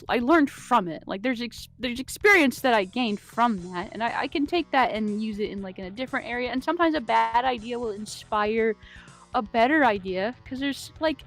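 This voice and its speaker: Chatty, laughing higher-voiced woman. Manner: chatty and self-deprecating, laughs often. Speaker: game developer guest. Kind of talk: casual live-stream chat.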